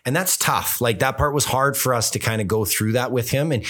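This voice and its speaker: A man's voice: mid-range voice, brisk. Guy on a podcast, swears a lot, tells stories, voice jumps way up when he does other people. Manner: animated storyteller, swears often, mimics people in quotes. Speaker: guest filmmaker. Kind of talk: casual podcast chat.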